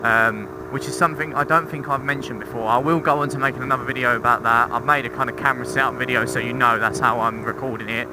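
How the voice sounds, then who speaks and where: Speaking quickly with few pauses, a young motorcycle vlogger keeps a steady tone in his mid-range voice. He rambles casually through a review with some swearing and self-mockery, using an intercom mic in his helmet as he rides outdoors. Engine and road noise are loud behind him.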